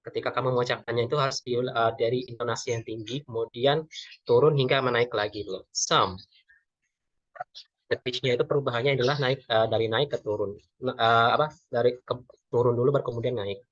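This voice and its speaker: A man's voice: medium pitch, steady tone, quick pace, no echo. Hesitant young man, dull dry audio. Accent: Indonesian. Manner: hesitant, many fillers and self-corrections. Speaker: student presenter. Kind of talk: class presentation.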